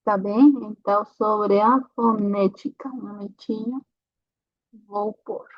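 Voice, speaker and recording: Slow, patient woman teaching pronunciation. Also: medium pitch, steady tone, no room sound, dull audio. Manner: checks in with "tá?" after each point, repeats sounds slowly. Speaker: language teacher. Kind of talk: slow explanatory lesson.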